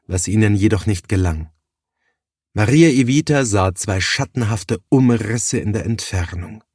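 A man reading an audiobook in an even storytelling manner. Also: on the low side, no echo, studio quality. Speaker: audiobook narrator. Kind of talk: scripted narration.

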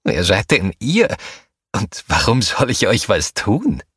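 A man's voice: on the low side, wildly swooping pitch, slow pace, a bit bright, slightly rough, no echo, studio quality, exaggerated voice. A man voicing a small, harmless, hairy male troll who talks in a chatty, easygoing way in a storybook reading. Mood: puzzled friendly.

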